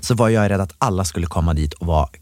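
A man co-hosting a podcast in casual chat who talks expressively and rises in pitch when something amuses him. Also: darkish tone, no room sound. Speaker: podcast host.

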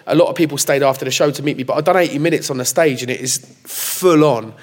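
A man talking excitedly in a casual live interview as a guest, rambling with lots of restarts. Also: medium pitch, fast talker. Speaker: comedy creator, interview guest.

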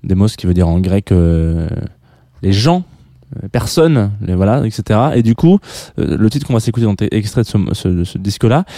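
A man's voice: fairly low pitch, lively intonation, moderate pace, dark tone, no echo, studio quality. A man hosting a radio music show, chatting casually and rambling as he corrects himself while introducing a track. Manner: rambling, musing and self-correcting.

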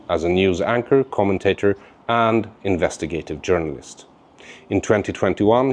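A man hosting an interview podcast, asking questions haltingly with many fillers, recorded in a room high above city streets. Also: darkish tone. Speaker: podcast host.

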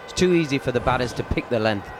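A man's voice: medium pitch, animated, fast talker. A man co-commentating on cricket, chattily breaking down each shot after it is played. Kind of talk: conversational expert analysis of each shot. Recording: clear outdoor ground noise.

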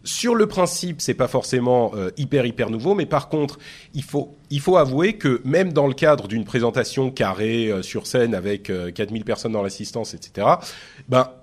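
A man's voice: mid-range voice, expressive, normal speed. A man hosting a tech podcast in casual chat, talking with many fillers and restarts. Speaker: podcast host.

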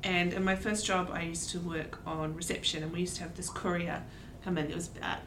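A woman's voice: on the low side, little pitch movement, a little fast, noisy background. A woman with a New Zealand accent telling stories in casual conversation. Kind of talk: casual storytelling chat.

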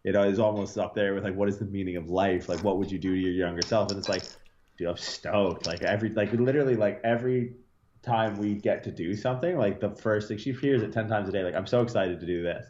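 A man's voice: on the low side, quick pace, a little mellow. A man in his thirties, a podcast guest, talking in a rambling, laid-back way with swearing and fillers. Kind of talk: casual podcast interview. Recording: slightly dull lo-fi sound with faint noise.

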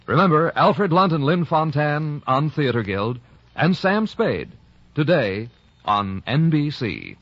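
An American man working as an old-time radio announcer, speaking in a formal, measured announcer delivery on a vintage broadcast. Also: medium pitch, no room sound, lo-fi sound.

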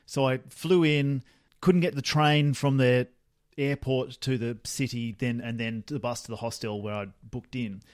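An Australian man in his younger years, rambling through a travel story with restarts and chuckles. His voice sits at an everyday middle pitch, recorded close and dry with no room around it. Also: steady tone, moderate pace, no echo. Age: young adult. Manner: rambling anecdotes with self-corrections and laughs. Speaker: podcast co-host. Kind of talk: casual chat, storytelling.

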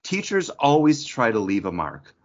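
A podcast host runs a laid-back trivia quiz over a muffled lo-fi call, reading questions and chatting along the way. His medium-pitched voice swings hugely in pitch at a moderate pace.

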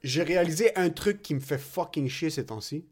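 A man's voice: a little high, expressive, normal speed, darkish tone, soft background music. A man co-hosting a podcast, chatting casually, swearing and mixing in English words. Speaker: podcast co-host. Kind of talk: casual chat.

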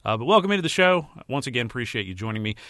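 A man's voice: medium pitch, sing-song, rapid-fire, fairly bright tone. A man who is feeling slightly sick, getting over a virus, hosting a podcast solo in an informal, rambling, mildly profane way. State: recovering from a virus, slightly under the weather. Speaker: podcast host and movie and TV editor. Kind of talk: casual solo podcast talk.

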